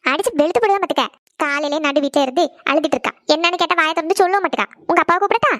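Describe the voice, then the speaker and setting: A fussing, scolding cartoon mother, as a woman puts her on. She scolds quickly in a clear, high voice. The recording is dry and close. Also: a bit bright, no echo. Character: scolding worried middle-aged village mother. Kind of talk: cartoon voice acting.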